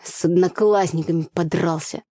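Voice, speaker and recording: A woman's voice: lowish voice, fairly even intonation, moderate pace, dry recording, studio quality. A woman doing a snappy, sulky teenage boy. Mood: snapping, sulky. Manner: shouting short retorts. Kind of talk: audiobook character voice.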